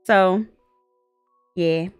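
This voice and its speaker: A woman's voice: lowish voice, fairly even intonation, drawn-out words, clean tone, no room sound, clean studio sound, soft background music. Chatty woman with many filler words. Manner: rambling, heavy on filler words. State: sleepy, yawning. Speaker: guest on husband's art stream. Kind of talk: casual chat.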